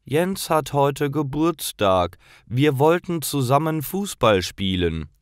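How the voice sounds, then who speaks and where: A man voicing a sick young boy, sad and tired, speaking slowly in a plaintive, raised voice. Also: medium pitch, expressive, clean tone, dry recording, clean studio sound, pitched above the performer's own voice.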